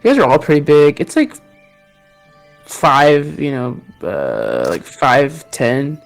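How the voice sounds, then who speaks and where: A woman acting as game master, improvising narration in an informal, halting way with many uses of "like". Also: deep voice, big pitch swings, faint music behind, poor audio.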